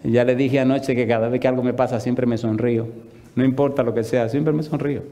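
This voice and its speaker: A male pastor telling a testimony in a sermon, an animated storyteller firing off punchy rhetorical questions. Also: medium pitch, fairly quick. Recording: long reverb of a large hall.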